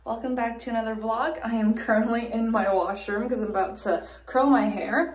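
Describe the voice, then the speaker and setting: A young adult woman, a TV host and vlogger whose first language is Cantonese and who moved to Canada while growing up, chats casually in a small home washroom. Her voice is slightly high and a little mellow. The camera sits a step or two away, picking up bathroom echo and a bit of hiss or hum.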